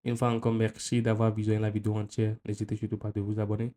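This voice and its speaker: A man's voice: fairly low pitch, monotone, quick pace, dark tone. A man from Benin, giving an impassioned political commentary full of repeated phrases and rhetorical questions. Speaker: video commentator.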